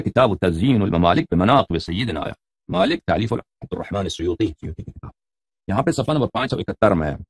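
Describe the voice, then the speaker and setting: A middle-aged man lectures from a stack of books, reading out Arabic titles and then explaining them. His low voice is gravelly and husky, and his pitch jumps widely as he talks. The sound is dry and close. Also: no echo. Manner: cites Arabic book titles, then explains in Urdu, asks listeners questions. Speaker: religious debater.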